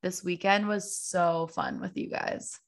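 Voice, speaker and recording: A woman's voice: on the low side, huge pitch swings, unhurried, creaky. A woman in her twenties chatting casually with a friend, talking with lots of "like" fillers. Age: 20s. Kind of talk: casual chat.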